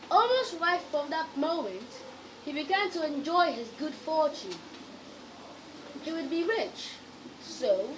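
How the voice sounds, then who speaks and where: A young girl with a Nigerian accent reads a story expressively, stressing words with exaggerated, deliberate storytelling intonation. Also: high-pitched. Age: child. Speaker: young reader. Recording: noisy, distant microphone.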